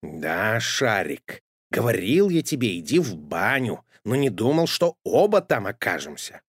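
A grumbling, sarcastic tomcat, as a male narrator puts him on in a storybook reading. He drawls his complaints slowly. The sound is dry and close. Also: lowish voice, big pitch swings, slightly rough, dry recording, full character voice. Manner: grumbling, slow.

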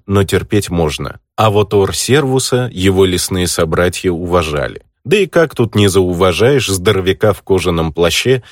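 A man narrating a fantasy audiobook in a measured, even storytelling manner. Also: deep voice, no room sound, studio quality.

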